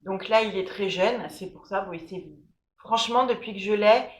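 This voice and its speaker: A woman's voice: mid-range voice, normal speed. A woman giving an enthusiastic, chatty tour of her houseplants, with plenty of fillers. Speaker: plant vlogger. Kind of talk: casual plant tour. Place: room at home. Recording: echoey room.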